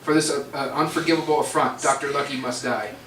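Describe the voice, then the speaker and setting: A man's voice: mid-range voice, fairly even intonation, fast, very noisy. A man playing a board game, reading his character cards aloud and stumbling over hard names. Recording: roomy, distant mic.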